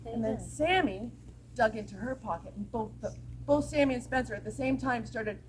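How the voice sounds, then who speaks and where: A woman telling a story to a camp audience in an animated, laughing, playful way. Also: a little high, normal speed, poor audio. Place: camp chapel gathering with audience.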